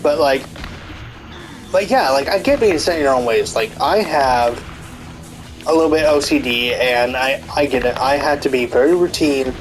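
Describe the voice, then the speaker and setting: A male commentary YouTuber rants casually and aimlessly in a medium-pitched voice at normal speed, swearing often and filling his speech with fillers and restarts. He sounds stuffy-nosed, faint music plays behind him, and the audio is poor.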